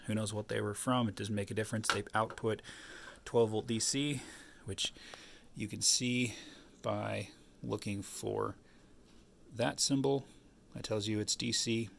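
Indoors at a wooden table, a DIY tinkerer shows off his own modification in a casual, unscripted hands-on tutorial shot on a handheld camera. His voice is lowish and creaky with a fairly bright tone, and he explains as he goes.

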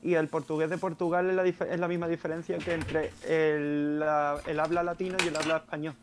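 Explaining man, fairly high voice. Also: flat delivery, a little fast, a little hiss or hum. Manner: explains things at length with examples. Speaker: stream guest. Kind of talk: casual stream chat.

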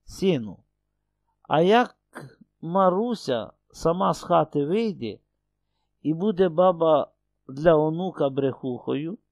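A fretful older village mother frets and pleads in a raised, higher voice, as a male reader puts her on. Her nervous worry runs through every line, recorded dry and close. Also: lively intonation, slow pace, long pauses, a little mellow, dry recording, heavily acted. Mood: pleading.

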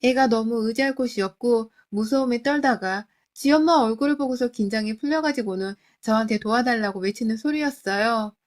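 A woman tells a scripted first-person family story in an emotional, confiding manner. Her voice sits a little high for a woman. The delivery stays close and storyteller-like. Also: fairly quick, hardly any pauses. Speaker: story narrator. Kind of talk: scripted dramatic storytelling narration.

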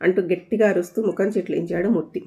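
A woman storyteller narrating a story with lively, playful storytelling. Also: on the low side, fast talker, vocal fry. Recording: dull lo-fi audio.

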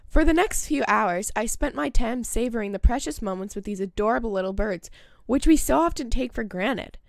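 A woman with a fairly high voice hosts a nature video. She reads scripted narration as a voice-over. The sound is dry, with very little room in it. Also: expressive, fairly quick, creaky, no echo, faint music behind. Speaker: host of a birdwatching video channel.

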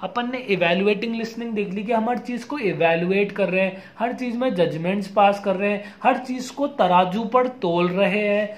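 A young adult man teaching an exam-prep lecture in a casual mix of Hindi and English, reading out English definitions slowly. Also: sits high.

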